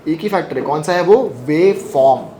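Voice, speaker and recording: A brisk man with a slightly high, dark-toned voice leads a physics class lecture, asking questions, repeating students' answers, and teasing them good-naturedly. A little hiss or hum can be heard.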